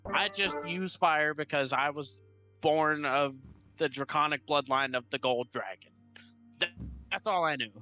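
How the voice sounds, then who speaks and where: Male tabletop player, bright tone, unhurried, hesitant, casual improviser, light music bed. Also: a little high, dull audio. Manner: hesitant, casual, thinking aloud. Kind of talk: casual in-character improvised chat.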